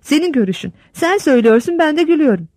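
A woman's voice: sits high, very animated, racing, darkish tone, no room sound, clean studio sound, voice pushed up. A woman voicing an easygoing young male schoolteacher who answers with teasing amusement, in a read-aloud story. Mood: amused.

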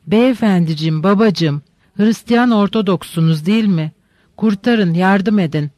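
A man voicing a distraught older mother who sobs and pleads in rapid speech, in a storybook reading. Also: high voice, darkish tone, no room sound, studio quality. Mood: sobbing pleading.

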